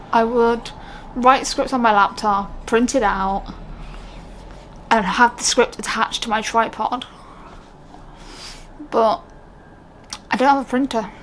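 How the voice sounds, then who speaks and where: A woman's voice: a little high, slight background noise. A young British woman talking to camera in a casual, unscripted way, candid and rambling, often breaking off her own sentences. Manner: candid, rambling, self-interrupting. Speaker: vlogger.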